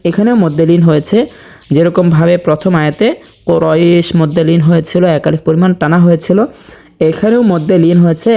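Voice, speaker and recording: A man teaching Quran recitation step by step, explaining slowly and deliberately. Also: a little high, vocal fry, mellow. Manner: slow, deliberate explanation with drawn-out sample recitation.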